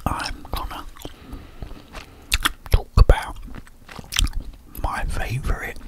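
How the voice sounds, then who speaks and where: A middle-aged British man rambling in whispered ASMR up close to the microphone, chewing gum as he talks in short, halting phrases. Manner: chewing gum while talking. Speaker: ASMR video maker. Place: small plain room indoors. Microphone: close desk microphone, headphones on.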